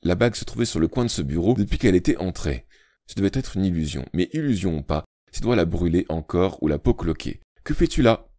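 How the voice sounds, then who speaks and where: A man reading an audiobook aloud with expressive, dramatic storytelling narration. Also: deep voice, fast talker, no room sound, studio quality.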